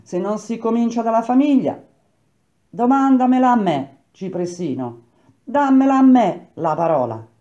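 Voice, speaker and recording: A confident young mason, teasing and protective, a bit higher than the teller, as a man puts him on. The sound is dull and lo-fi. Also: animated, moderate pace, warm tone.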